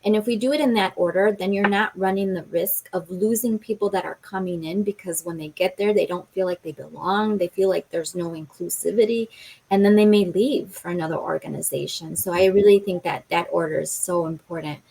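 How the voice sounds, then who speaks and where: A woman from Colombia, raised in the US Midwest, explaining her ideas earnestly and in a measured way as a guest on a live video interview. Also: on the low side, creaky, darkish tone, a little hiss or hum. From born in Colombia, raised in the US Midwest. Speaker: guest, diversity specialist at a manufacturing extension partnership.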